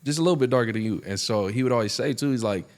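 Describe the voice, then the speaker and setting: A man's voice: medium pitch, very fast. A man speaking as a podcast guest in casual, slangy storytelling, often acting out quotes. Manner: slangy, animated quoting of himself and others.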